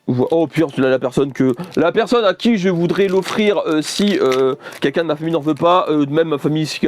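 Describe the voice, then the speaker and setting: A man's voice: fairly high pitch, brisk, slight background noise. A man chatting casually while unboxing gifts on camera, rambling, joking and laughing often. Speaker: YouTuber unboxing a subscription box.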